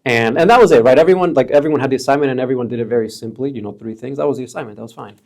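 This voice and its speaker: Laid-back thirtysomething guy telling stories on a podcast, says bro and dude a lot, mid-pitched. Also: racing, gravelly, a little mellow. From Chicago area, US. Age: 30s. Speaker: podcast guest. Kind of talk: casual storytelling chat.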